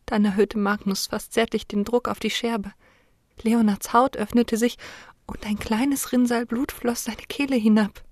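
A woman narrating a story in the first person, in a hushed voice that often sinks near a whisper. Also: a little high, fairly even intonation, unhurried, no echo, clean studio sound. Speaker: audiobook narrator.

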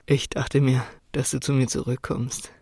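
A woman voicing a cold, mocking young man, the villainous brother, in an audiobook, slow, low and sneering. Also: level tone, gravelly, warm tone, breathy edge, dry recording, clean studio sound, full character voice.

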